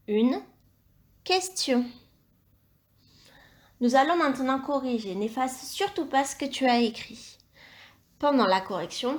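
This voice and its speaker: Woman teacher, fairly high voice, slow and deliberate, patient, spells out every sound for young kids. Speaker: primary school teacher. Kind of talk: slow, clearly articulated dictation lesson.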